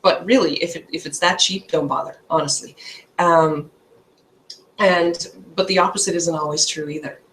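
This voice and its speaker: A woman's voice: fairly low pitch, steady tone, normal speed, fairly bright tone, slight background noise. A woman health coach from Canada giving an informal talk, emphatic and chatty, checking in with "okay?" after her points.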